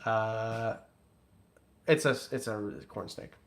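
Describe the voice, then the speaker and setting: A lowish male voice, taking things slowly with slight background noise, belongs to a young reptile breeder hosting his channel's casual livestream. He reads donations and chats in a jokey, loose, wandering style.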